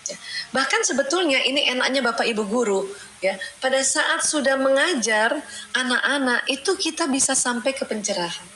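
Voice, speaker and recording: Female doctor-teacher, religious talk, bright voice, explains step by step, echoey room. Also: a little high, slight background noise. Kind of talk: religious talk on managing emotions. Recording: roomy echo.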